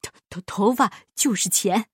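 A woman's voice: fairly high pitch, expressive, normal speed, slightly rough, no room sound, studio quality. A woman voicing a stingy, greedy old landlord who stammers and blusters in a storybook reading. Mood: stammering greed. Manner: stammering, grasping, indignant.

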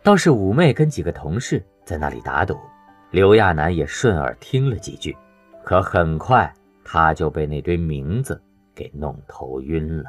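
A man narrating an audiobook in an expressive storytelling way. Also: extremely low pitch, normal speed, faint music behind.

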